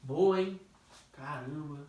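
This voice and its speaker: A male physics teacher giving a relaxed, joking review and quizzing a student. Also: on the high side. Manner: jokey, questioning, drawn-out stressed words. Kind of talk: informal classroom review. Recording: echoey room, distant mic.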